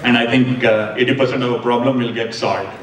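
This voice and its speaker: A man's voice: mid-range voice, fairly even intonation, fairly quick, noisy background. Indian man with Karnataka accent, roomy sound. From coastal Karnataka and Bengaluru, India. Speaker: panelist. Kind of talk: rapid-fire question answers at a live event. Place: event hall with an audience. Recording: roomy, distant mic, crowd behind.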